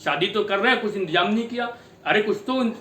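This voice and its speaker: A man's voice: high-pitched, fast, sharp tone, echoey room, slight background noise. A man voicing a panicked father of the bride who pleads for help in a devotional story. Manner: frantic, pleading, tearful.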